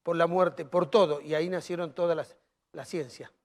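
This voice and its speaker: In a high voice and at a normal pace, an Argentine-accented man hosts a talk show interview. He poses long, drawn-out questions and recaps what his guest says in a relaxed, casual way.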